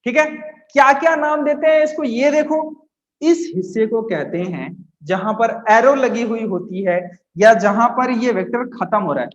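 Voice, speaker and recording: A man teaching physics to students, coaxing them along and slowly repeating key terms. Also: very high-pitched, expressive. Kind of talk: classroom lecture to students. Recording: echoey room, dull lo-fi sound.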